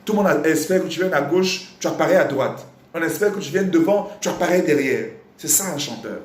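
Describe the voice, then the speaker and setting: A man from Congo teaching a singing lesson, explaining with lively repetition and breaking into sung examples. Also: on the high side, fairly quick, roomy sound. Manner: animated, repeats phrases while explaining. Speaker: vocal coach.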